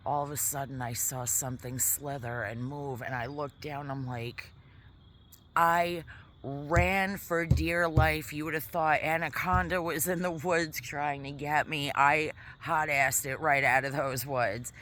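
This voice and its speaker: A woman vlogging casually in a quiet park, chatting in a rambling way while she eats. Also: extremely low pitch, fairly even intonation, moderate pace, hardly any pauses, a little hiss or hum. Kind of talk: casual vlog chat. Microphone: camera mic.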